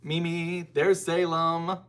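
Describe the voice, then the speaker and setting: Speaking slowly in a flat delivery, an American man hosts an informal livestream where he reads out and replies to viewer comments, rambling with frequent tangents. His voice sits a little high and sounds clear, resonant and fairly bright.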